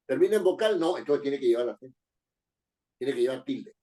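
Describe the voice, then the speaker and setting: Male teacher, lively mellow voice, repeats points and quizzes the class. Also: medium pitch, fairly quick. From Peru. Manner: repeats key phrases, asks the class rhetorical questions. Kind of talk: spoken lesson on writing and accent marks.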